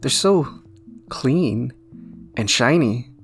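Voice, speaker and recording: A YouTube video essayist offers casual fan theory commentary, rambling and jokey with a self-deprecating streak, over background music. His voice is medium-pitched, animated, husky and very slow.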